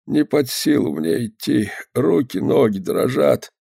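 A man voicing a meek, weary old organ-grinder in a storybook reading, soft and sighing. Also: mid-range voice, lively intonation, unhurried, gravelly, no echo, clean studio sound, voice pushed up.

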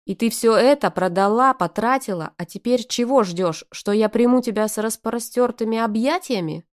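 A woman's voice: on the high side, normal speed, pitched above the performer's own voice, lightly acted. A woman reading the lines of a stern, angry young father who speaks in cold, clipped growls. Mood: cold anger.

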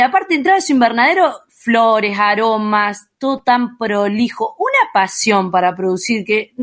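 A woman's voice: fairly high pitch, fairly bright tone. A woman reporting for a radio show in casual chat, telling her story enthusiastically.

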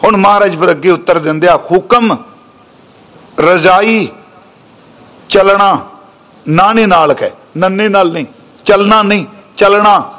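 A man preaching a scriptural exposition sermon, slowly intoning quoted verses and then explaining them in quick, conversational speech, correcting his listeners' pronunciation. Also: high voice, a bit bright. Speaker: Sikh preacher.

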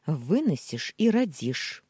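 A woman's voice: low-pitched, sing-song, slow, breathy edge, dry recording, clean studio sound, full character voice. A woman voicing Maryam, a scornful young wife. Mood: scheming, cool. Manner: sharp, scornful, hissing.

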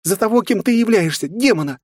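A man's voice: animated, fairly quick, dry recording, clean studio sound. A man voicing a terrified young woman who shrieks at the demon she fears. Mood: frantic accusing. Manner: shrill panicked shrieking.

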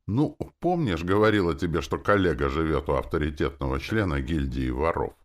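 A man's voice: very deep voice, expressive, fairly quick. A man voicing a spiteful, boastful female demon who mocks and gloats. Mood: spiteful mocking. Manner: sneering and boastful. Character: mocking proud female demon, spiteful and loud.

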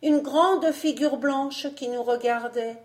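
A woman voicing a frightened young boy in a storybook reading, speaking in a high, eager and startled way. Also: slow, darkish tone. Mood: wondering.

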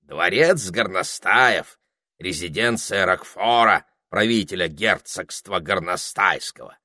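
A man's voice: deep voice, expressive, slow, bright, forceful tone, no echo, clean studio sound, heavily acted. A man voicing a bossy, snappy male parrot in an audiobook. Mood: chatty. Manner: snappy, chatty, impatient. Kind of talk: audiobook character voice.

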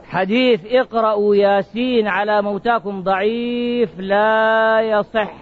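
A man's voice: high-pitched, phone-quality sound, a little hiss or hum. A man preaching a sermon, asking the listeners questions and stretching out key words for emphasis.

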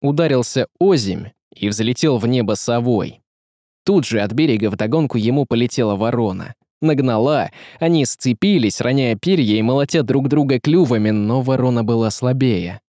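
A man reading an audiobook with lively, dramatic storytelling. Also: medium pitch, moderate pace, no room sound, clean studio sound. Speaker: audiobook narrator. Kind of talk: scripted audiobook narration.

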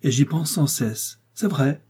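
A man's voice: fairly high pitch, lively intonation, a little slow, warm tone, breathy edge, pitched above the performer's own voice, heavily acted. A man reading the part of a proud aristocratic woman who calls herself a revolutionary, speaking in an emphatic, declamatory manner. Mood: teasing.

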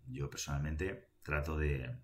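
Deep-voiced man musing. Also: steady tone. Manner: thoughtful, halting, with many fillers. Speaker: vlogger giving reflections. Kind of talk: casual spoken reflection.

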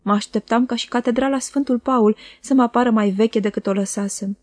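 A woman narrating a novel as an audiobook reader, in a measured, even reading. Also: a little high, dry recording, clean studio sound. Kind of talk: scripted narration.

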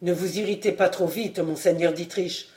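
An audiobook reader voicing a wounded, loyal old male master-at-arms, grave and measured. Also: medium pitch, fairly even intonation, a little mellow, lightly acted. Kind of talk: audiobook reading.

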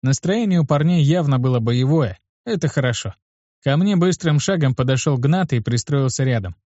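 A man's voice: mid-range voice, expressive, moderate pace, warm tone, dry recording. Guy reading a first-person novel, ironic, muffled dead-dry sound. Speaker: audiobook narrator.

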